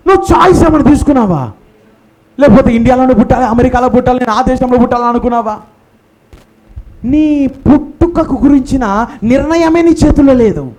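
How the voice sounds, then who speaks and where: A man preaching a sermon at a church memorial service, emphatic and firing rhetorical questions, with English phrases mixed in. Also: very high voice.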